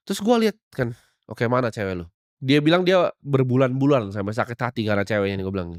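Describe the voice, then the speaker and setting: A man's voice: fairly high pitch, dry recording, clean studio sound. A young man with giving a brash, lecturing motivational talk that drops in English phrases. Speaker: motivational speaker. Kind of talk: blunt motivational monologue.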